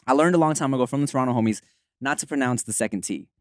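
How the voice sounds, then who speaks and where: A man's voice: medium pitch, very fast, no room sound, clean studio sound. A man with a Los Angeles accent hosting a casual, slangy podcast chat. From Los Angeles, USA. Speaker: podcast host.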